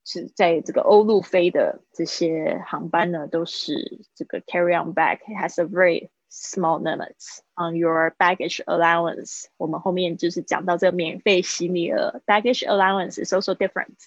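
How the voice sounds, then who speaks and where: Woman teaching English vocabulary, husky voice. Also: on the low side, fairly even intonation, no room sound. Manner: mixes Mandarin with English, drawn-out vocabulary drills. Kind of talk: live-streamed language lesson. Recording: husky, dull lo-fi stream audio.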